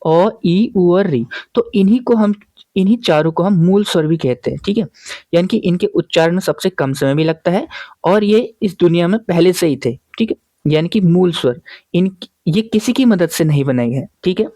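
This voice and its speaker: With a mellow, warm voice that sits high and moves with lively intonation, this male teacher leads a classroom grammar lesson, asking questions and answering them himself. Frequent pauses let him check that students are with him. There's no room sound; the recording is close and dry.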